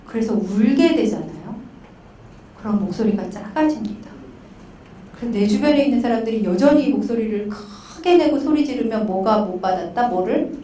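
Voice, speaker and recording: Middle-aged woman counselor, high voice, animated storyteller, distant mic in a roomy hall. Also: moderate pace, a little hiss or hum. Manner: animated storytelling with acted quotes. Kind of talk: conference talk. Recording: echoey hall from far off.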